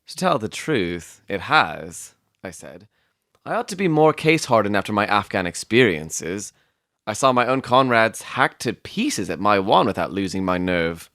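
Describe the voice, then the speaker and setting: A man playing an earnest, thoughtful doctor who narrates a detective story in a measured, literary storytelling manner. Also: lowish voice, very animated, pushed and bright, no room sound, clean studio sound, full character voice. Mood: earnest, curious. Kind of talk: dramatic audiobook narration.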